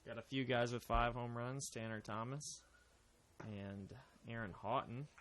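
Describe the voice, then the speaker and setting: Bright-voiced male baseball co-commentator. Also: mid-range voice, fairly even intonation, unhurried. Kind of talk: casual sports commentary.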